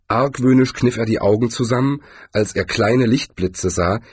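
A man narrating an audiobook with expressive storytelling. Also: medium pitch, breathy edge, dry recording.

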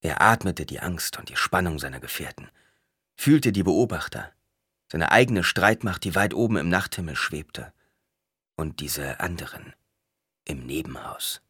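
Male audiobook narrator, expressive, dry close sound. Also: sits low, a little slow, breathy edge, no echo. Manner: expressive dramatic reading.

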